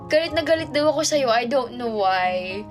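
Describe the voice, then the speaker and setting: A woman's voice: a little high, lively intonation, moderate pace. A young woman from the Philippines on a casual livestream, reading fan comments aloud and answering them playfully. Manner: reads viewer comments aloud and answers them playfully, mixing English and Filipino. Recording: livestream with background music. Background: music playing in the background.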